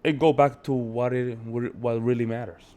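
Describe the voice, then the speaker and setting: A man's voice: mid-range voice, steady tone, normal speed, mellow. A man from Puerto Rico giving casual, emphatic reaction commentary. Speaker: reaction video host.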